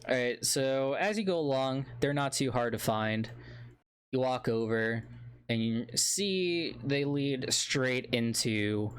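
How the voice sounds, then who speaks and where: A man narrating a tabletop game as game master, relaxed, with many fillers and laughs. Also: medium pitch, slow, clear, resonant tone. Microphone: home mic on a live stream.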